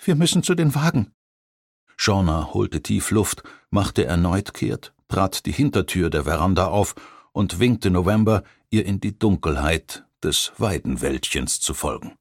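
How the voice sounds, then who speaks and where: A man with a very low, gravelly voice reads scripted narration in a measured, even way. He sits close to a studio mic in a dry space, with no room sound. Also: dry recording. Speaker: audiobook narrator.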